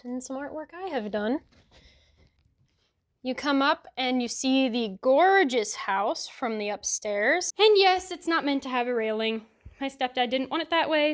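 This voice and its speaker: A young woman casually vlogging a tour of a family home, chatty and rambling with apologetic asides. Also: high-pitched. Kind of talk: casual house tour vlog.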